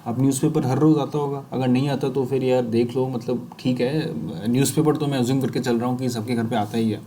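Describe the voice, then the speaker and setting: A man with an Indian accent coaching people who stammer, mixing Hindi and English and reading English sentences one word at a time with pauses. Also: mid-range voice, steady tone, warm tone, slight background noise. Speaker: speech fluency coach. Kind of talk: slow instructional demonstration.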